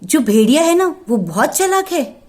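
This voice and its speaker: A woman voicing a caring, protective mother goat in a told folk tale, calling out loudly and urgently. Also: sing-song, normal speed. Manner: loud, high, urgent calling.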